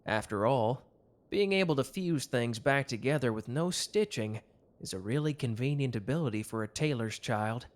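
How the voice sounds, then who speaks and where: In a romantic audio drama, a man voices a devoted mafia lover, speaking at a middle pitch and normal speed in a near-everyday tone with lively intonation. He's earnest, intimate and protective of his sweetheart, with a gruff, hot-tempered edge, and the mood is tender and reflective.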